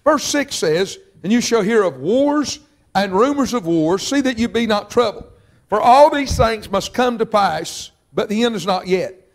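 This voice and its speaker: A man preaching a revival sermon, fervent and drawn out, sometimes shouting. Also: sits high, animated. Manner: fervent, shouting at peaks, drawn-out emphatic phrases. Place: church sanctuary.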